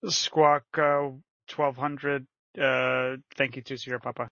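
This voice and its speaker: A man's voice: mid-range voice, flat delivery, slow pace, vocal fry, fairly bright tone, dry recording, lo-fi sound. A man pilot making hesitant, polite calls to air traffic control over an aircraft radio, with many fillers. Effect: heard over an aircraft radio.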